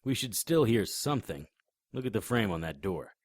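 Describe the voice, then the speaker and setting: A man voices a middle-aged monster hunter with a wisecracking streak, narrating an audio drama as a vampire hunter. His voice sits on the low side and is very animated at a moderate pace, but the humor is dry, sardonic and matter-of-fact, with a wry mood. The recording is dry.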